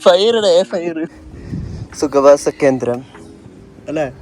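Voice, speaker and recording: A man's voice: a little high, expressive, slow pace, darkish tone, low-quality recording. A Malayali man chatting casually to his travel vlog viewers, dropping English words and phrases into his Malayalam. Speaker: travel vlogger. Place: outdoors at a pool and streets.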